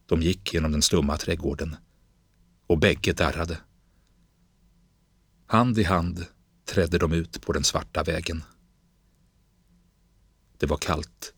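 A man narrates literary fiction in a slow, grave, measured reading. His voice sits extremely low and carries a husky grain. The recording is dry and close, with no room sound. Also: dry recording.

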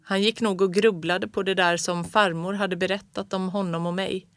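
A storyteller reading a children's storybook aloud in a calm, even way. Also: medium pitch, dry recording. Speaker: narrator.

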